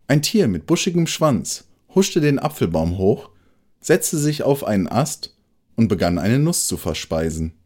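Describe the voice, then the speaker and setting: A man reading a fable aloud as narrator in an expressive, melodic way. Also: medium pitch, unhurried. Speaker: storyteller. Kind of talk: scripted narration of a children's fable.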